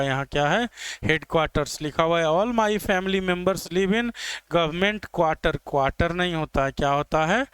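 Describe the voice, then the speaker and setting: A man gives a classroom lecture on English grammar, walking through each example step by step and checking that students follow. His voice sits high and sounds smooth and crisp. The recording is close and dry. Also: fairly bright tone, dry recording. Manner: explains step by step, asks students "clear?". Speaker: English teacher.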